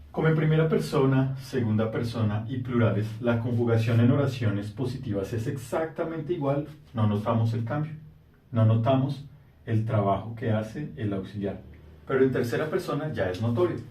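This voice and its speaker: A man who teaches English explains grammar in a patient lesson, slowing down to stress key words for his learners. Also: mid-range voice, dark tone. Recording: roomy sound from a distance.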